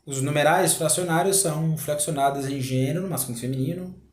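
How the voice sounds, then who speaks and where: A man teaching a grammar lesson, explaining slowly, repeating words and asking rhetorical questions. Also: a little high. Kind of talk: grammar lecture. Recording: echoey room.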